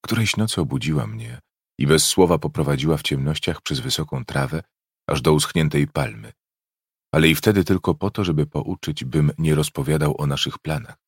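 A man reading a novel aloud in a somber first-person narration, measured and grave. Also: extremely low pitch, breathy edge, no room sound, studio quality. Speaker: audiobook narrator.

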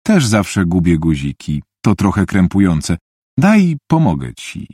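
A calm, helpful teenage boy speaks plainly and matter-of-factly in a low, mellow voice, as a male narrator plays him. The recording is dry and close. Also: measured pace, slightly rough, no echo, exaggerated voice. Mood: kind.

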